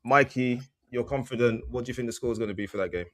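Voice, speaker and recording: A man's voice: medium pitch, quick pace, fairly bright tone, dry recording, clean studio sound. A man hosting a casual football podcast, rambling with restarts and admitting he is slurring his words. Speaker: podcast host.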